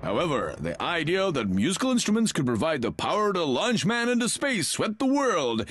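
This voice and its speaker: A man's voice: a little high, huge pitch swings, moderate pace, a little hiss or hum. A man narrating a mock documentary in a grand, portentous tone. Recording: narration over loud music.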